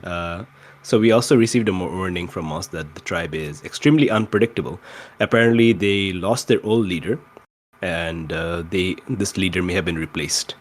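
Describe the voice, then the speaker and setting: Speaking in a deep voice, a player in a tabletop roleplay campaign gives a casual recap, hesitating and looping back to reword things.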